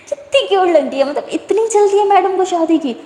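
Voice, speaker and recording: Brief: woman doing a gentle, teasing young woman, high and mellow, echoey. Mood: soothing, teasing. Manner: soothing, teasing. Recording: echoey room with long reverb.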